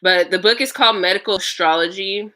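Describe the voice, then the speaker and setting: A young woman talks straight to her viewers in a loose, casual vlog. Her voice is bright and ringing, and she tells her stories frankly, swearing freely and laughing between lines. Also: mid-range voice, brisk. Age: young adult. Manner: chatty, laughs often, frank and profane. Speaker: vlogger.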